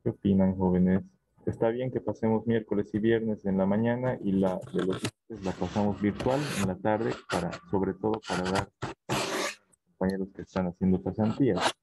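A man with a very low voice leads a university class, explaining step by step and pausing to check that everyone follows. His recording carries a steady layer of background noise. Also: vocal fry. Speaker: university teacher. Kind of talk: online class talk.

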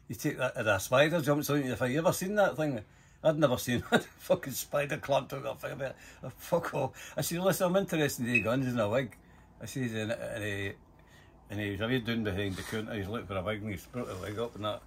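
Slight background noise accompanies an older man with a Scottish accent as he recounts casual stories in a mid-range voice. He's animated, swears freely and acts out the conversations.

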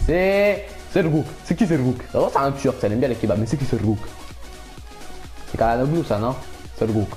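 A young man commentating his own football video game match, excitable and quick to shout and repeat himself. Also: medium pitch, faint music behind. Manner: excitable, shouts at big moments, repeats phrases rapidly. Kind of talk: casual live gameplay commentary.

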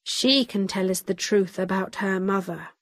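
Woman reading quiet calm gentleman, slow, dry recording, storybook. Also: mid-range voice, no room sound, lightly acted. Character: quiet gentleman speaking calmly.

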